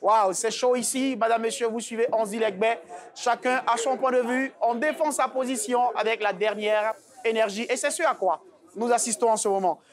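A man hosting a studio debate, briskly prompting speakers and calming the audience. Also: extremely high pitch. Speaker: talk show host. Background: audience chatter.

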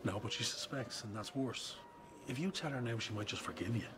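Actor playing a wry friend. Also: male voice, medium pitch, fairly quick, music in the background, natural voice. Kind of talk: film comedy-drama acting.

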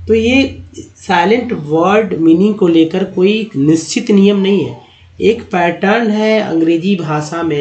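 Middle-aged male teacher, a touch high-pitched, drills words over and over and asks then answers his own questions. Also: darkish tone. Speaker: English teacher. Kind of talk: classroom-style lesson on pronunciation.

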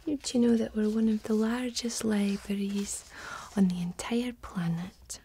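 A young woman with a Scottish accent in a whispered role-play as a helpful librarian, speaking in a soft, breathy library whisper. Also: medium pitch, steady tone, a little hiss or hum. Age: young adult. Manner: slow, hushed, gently helpful. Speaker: ASMR performer playing a librarian.

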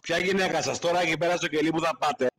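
A man's voice: fairly high pitch, a bit bright, rough recording. Stern man playing a cop. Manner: stern, bossy, lecturing. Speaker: roleplay player as police officer. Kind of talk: in-character game roleplay.

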